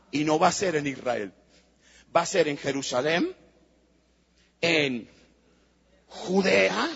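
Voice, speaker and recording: A man's voice: fairly high pitch, gravelly, a bit bright, breathy edge. A male pastor preaching a fervent sermon in a church and calling on the congregation to repeat phrases after him. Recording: dull, reverberant church recording.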